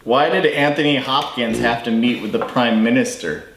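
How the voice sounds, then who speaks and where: A man's voice: mid-range voice, moderate pace, a bit bright. A tipsy man in his thirties co-hosting a comedic movie review, posing questions. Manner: tipsy from drinking during the review. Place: small indoor bar-style set with brick wall. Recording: echoey room, clearly noisy background.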